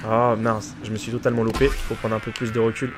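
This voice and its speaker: A man giving let's play commentary on a shooter game, excitable and joking as he mocks opponents and chats with his viewers. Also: on the low side, quick pace, music in the background. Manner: excitable, joking, teasing the enemy players; chatty with viewers. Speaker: gaming video creator.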